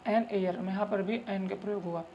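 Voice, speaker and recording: A man's voice: sits high, steady tone, brisk. Man, grammar teacher, coaxing, repetitive, lo-fi recording, faint hiss. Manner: repetitive, coaxing, keeps saying "look" and "okay"; calls students "babu" affectionately. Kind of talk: tutorial lesson.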